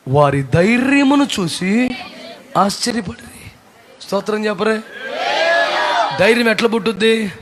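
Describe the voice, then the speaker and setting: A pastor from India preaching a fiery sermon to a congregation, often shouting and scolding with rhetorical questions. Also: male voice, high voice, expressive, unhurried, long pauses, a loud crowd, very noisy. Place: church congregation.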